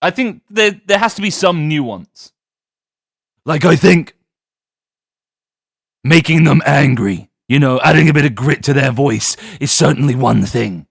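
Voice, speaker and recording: A male streamer reacts excitedly and swears freely in casual chat. His pitch jumps around a lot. His mic sound is dry and close. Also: vocal fry, breathy edge, no room sound. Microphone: desk mic.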